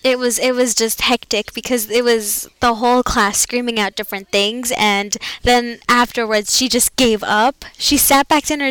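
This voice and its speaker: A woman's voice: fairly high pitch, a bit bright, clean tone, no room sound, poor audio. A teenage girl co-hosting a podcast, telling a school story casually with fillers and small laughs. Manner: rambling, with fillers and little laughs. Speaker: co-host.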